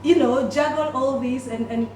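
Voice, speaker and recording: A woman hosting a cooking show, chatting in an animated, effusive way as she interviews her guests. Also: high-pitched, normal speed. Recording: echoey, distant mic with background noise.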